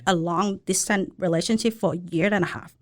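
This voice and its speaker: Thai-accented woman, halting English. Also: on the low side. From Thailand. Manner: simple, halting English with broken grammar. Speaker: restaurant owner. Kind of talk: casual interview.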